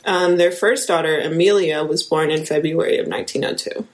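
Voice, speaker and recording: Woman, Midwestern accent, lower register; casual true-crime podcast narrator, loose and chatty. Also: steady tone, a little fast. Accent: Midwestern American. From American Midwest. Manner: reads case notes with filler ums and asides. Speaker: podcast co-host, lead investigator.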